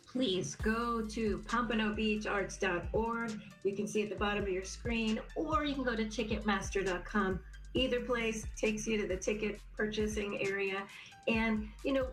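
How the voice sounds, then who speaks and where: A middle-aged woman, an arts programming manager, speaking clearly and informatively over a video call from home. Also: medium pitch, normal speed, soft background music. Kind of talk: promotional interview. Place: room at home.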